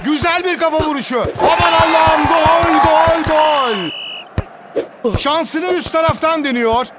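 A man voicing an excitable football commentator in a video game, with screaming, exclamatory calls. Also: extremely high pitch, moderate pace. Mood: screaming excitement. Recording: game music and crowd noise behind. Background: music and stadium crowd.

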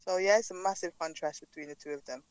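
A woman's voice: on the low side, fast talker, dry recording, low-quality recording. A woman from Jamaica with a Jamaican accent, chatting as a podcast guest with plenty of fillers. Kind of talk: casual interview.

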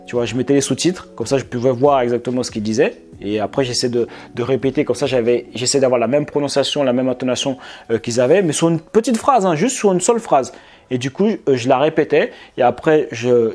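A man's voice: mid-range voice, darkish tone. A man giving casual advice straight to the viewer in an informal, chatty way. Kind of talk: casual direct-to-camera advice.

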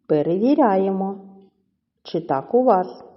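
A woman teacher giving a slow, clear lesson to children, stretching words out syllable by syllable. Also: mid-range voice, lively intonation. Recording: dull audio with long reverb.

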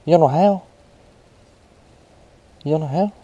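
A young man, vlogging excitedly while fishing at a rural pond, recorded on a chest-mounted action camera. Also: fairly high pitch, measured pace, dry recording, dull audio. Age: young adult. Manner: excitable, shouts with joy over big catches. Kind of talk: casual vlog narration while fishing. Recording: faint outdoor noise, action camera.

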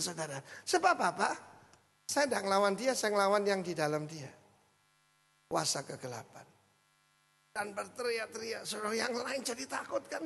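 A middle-aged male pastor preaching a sermon, telling a story with a lively manner and frequent asides to the congregation. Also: high voice, gravelly, husky. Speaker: senior pastor. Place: church hall. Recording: hall reverb with mains hum.

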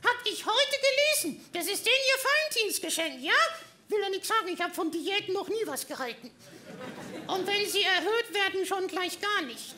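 A sassy, sharp-tongued female hippo puppet, voiced by a male ventriloquist, talks back in a very high, piercing voice. Her tone is bright and sharp, and the quips come fast. Faint audience sounds are heard behind her on the carnival stage. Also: lively intonation, a faint crowd, heavily acted. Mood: cheeky. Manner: cheeky, quick-witted backtalk.

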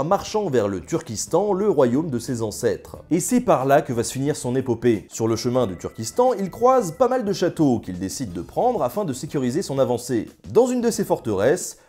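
A young man tells history with jokey, ironic asides and a very animated, bouncing pitch. His voice sits low and mellow, with soft music under it. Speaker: history video host. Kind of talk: casual scripted history narration.

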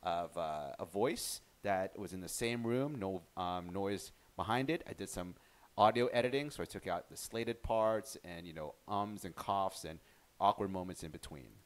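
A man with a fairly low voice walks viewers through a software tutorial. He is chatty and relaxed, often trailing off and restarting his sentences. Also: moderate pace. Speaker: tutorial host. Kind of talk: casual screen-recorded software tutorial.

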